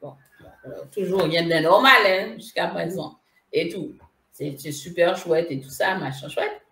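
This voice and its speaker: A guest who works as a spiritual medium tells a personal story in a casual, animated way, repeating phrases and laughing as she talks. Her voice sits on the low side and moves at a measured pace, and the room is echoey.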